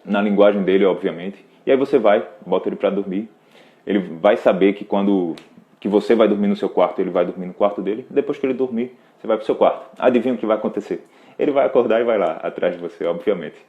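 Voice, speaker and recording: A man's voice: fairly low pitch, quick pace. Brazilian guy on a live q&a, patient and practical, kinda dull lo-fi stream sound. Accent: Brazilian Portuguese. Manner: explains directly to a parent, patient and practical. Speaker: host answering parenting questions. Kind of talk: live Q&A advice talk.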